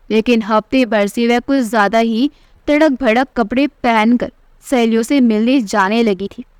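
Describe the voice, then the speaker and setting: A woman narrating a scripted family story in an even, measured way. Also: fairly high pitch, smooth, no room sound.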